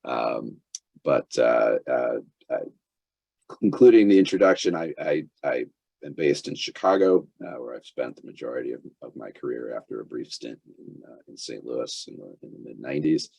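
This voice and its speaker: A man in his fifties, a congested lawyer hosting a webinar, talking haltingly with lots of fillers and restarts. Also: rumbling low, expressive, vocal fry, darkish tone, husky, no room sound. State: congested, recovering from illness. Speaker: employment lawyer, webinar host. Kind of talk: webinar presentation. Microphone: computer mic on a video call without camera.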